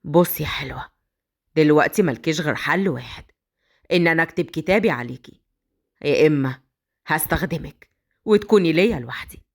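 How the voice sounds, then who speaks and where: A woman voicing a ruthless male mafia boss who speaks slowly and mockingly in an Egyptian accent. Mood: menacing. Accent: Egyptian Arabic. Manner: slow, low, taunting.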